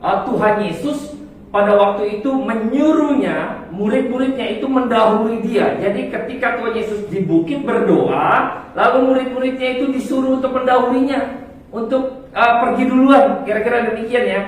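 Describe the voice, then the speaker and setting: Man, preacher, sermon, halting delivery, many fillers, distant mic, echoey hall. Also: very high voice. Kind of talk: sermon with Bible reading.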